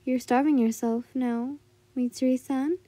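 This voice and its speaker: A woman's voice: high voice, steady tone, measured pace, mellow, dry recording. A woman voicing a blunt, probing young female warrior who questions her friend in an amateur story reading. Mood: stern concern.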